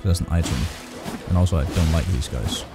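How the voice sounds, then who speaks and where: A man doing casual, profane gameplay commentary, excitable and talking to himself, his voice heavily compressed on a close mic. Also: very deep voice, brisk. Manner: excitable, exclaiming, talks to himself and the game. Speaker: gaming video host. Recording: heavily compressed voice over game music. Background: game music.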